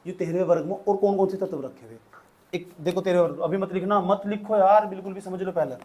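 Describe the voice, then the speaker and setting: A man with a high voice teaches a chemistry class. He repeats each phrase slowly for dictation and keeps checking with questions whether the students have understood. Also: fairly even intonation, a little mellow. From India. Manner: repetitive, coaxing, asks students questions. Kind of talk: classroom lecture dictating notes.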